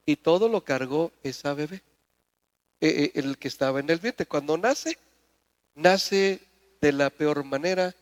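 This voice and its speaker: A male pastor preaching a sermon and asking the congregation questions, his voice climbing louder and higher as he presses a point. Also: unhurried, long pauses, in a large hall. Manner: preaching with call-and-response questions, climbing loud and high.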